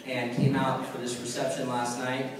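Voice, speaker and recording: Joking emcee in an echoey hall. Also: male voice, medium pitch, monotone, normal speed, far from the mic, crowd noise. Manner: teasing, loose, laughs at his own jokes. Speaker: event emcee. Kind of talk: joking stage introduction. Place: large conference hall with audience.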